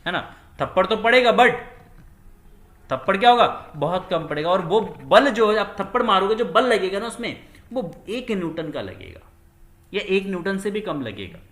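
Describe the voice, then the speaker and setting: A male physics teacher with a high, animated voice that swoops up and down as he explains. He keeps asking the class questions and answering them himself, and he acts out small scenes to make a point. The sound is roomy and echoey. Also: normal speed. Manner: repeats key words, asks questions and answers them himself; acts out little scenes with quoted dialogue. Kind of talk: classroom lecture.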